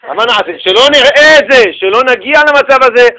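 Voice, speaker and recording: A man's voice: very high voice, animated, crowd noise. A man giving a casual religious talk, telling a story in a chatty, slangy way, addressing listeners directly and acting out the voices in it.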